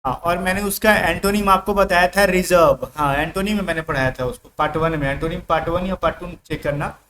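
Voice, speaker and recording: A man with a high voice gives a casual exam-prep English lesson. He keeps asking questions back at the listener and acts out little everyday scenes to explain words. The room echoes, and a faint hiss runs underneath. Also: fast talker, fairly bright tone. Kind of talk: casual classroom-style lecture.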